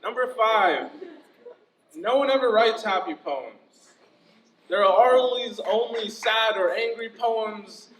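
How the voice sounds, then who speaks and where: A young man performing spoken-word poetry at a live club reading, dramatic and profane, with sardonic humor, swinging between loud outbursts and quiet intensity. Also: sits high, slow, slight background noise. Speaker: student poet. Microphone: stage microphone. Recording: roomy live room, picked up from a distance.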